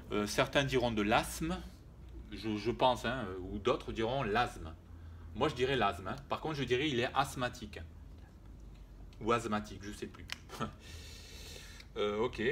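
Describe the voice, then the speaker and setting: A man's voice: mid-range voice, fairly bright tone, a little hiss or hum. A man teaching French spelling and pronunciation, patiently repeating words and sounds, with hesitations and self-corrections.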